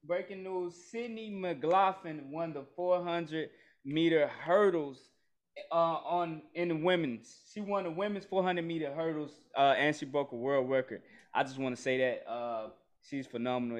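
A man hosting a casual sports chat, excitable and announcing segments like a lightning round. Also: on the high side, moderate pace. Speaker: host.

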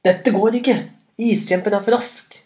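A spirited young schoolgirl cries out with urgent determination in a children's storybook reading. Her voice sits higher and brighter than the narration around it, as a male narrator puts her on. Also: very animated.

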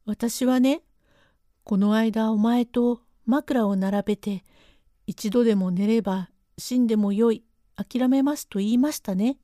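Woman voicing pleading young male servant, mellow tone. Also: fairly high pitch, measured pace, no room sound, clean studio sound, natural voice. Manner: pleading, insistent.

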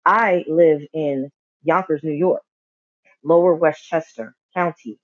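A man's voice: fairly high pitch, fairly even intonation, slow pace, no room sound. Man leaving a rambling voicemail. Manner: friendly, rambling, filler-heavy. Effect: voicemail message. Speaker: podcast listener leaving a message. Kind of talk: casual spoken message. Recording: muffled dry voicemail line.

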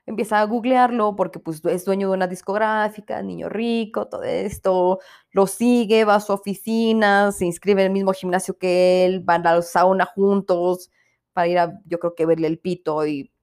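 A young woman with a Mexican accent hosts a casual podcast reviewing a series, ranting irreverently, swearing plenty, and mimicking the people she discusses in put-on voices. Her medium-pitched voice is steady, a little mellow, and moderately paced.

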